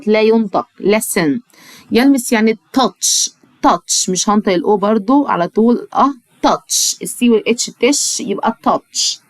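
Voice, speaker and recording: A woman with an Egyptian Arabic accent teaching English vocabulary to children, repeating each word slowly several times. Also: medium pitch.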